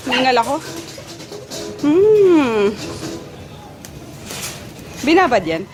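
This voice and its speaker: A woman's voice: high voice, big pitch swings, drawn-out words, darkish tone, soft background music. A woman chatting casually through a home vlog, walking around the house with a handheld camera and cooing at her pets now and then. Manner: chatty, coos at her pets in a sing-song baby voice. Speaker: vlogger. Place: family house, moving between rooms and stairs. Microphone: handheld compact camera. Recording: noisy home recording.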